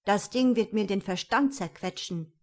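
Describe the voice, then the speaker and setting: A woman's voice: mid-range voice, moderate pace, close to an everyday voice. A woman voicing a young, dreamy prince who resents becoming king. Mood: weary. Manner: sulky, dramatic outbursts.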